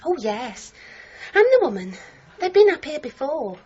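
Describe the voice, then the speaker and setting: A woman with a high, sing-song, darkish voice speaks unhurriedly, playing a gossipy, knowing hotel desk worker in a 1980s radio drama. She sounds nosy and knowing. The radio recording is dull and faintly noisy.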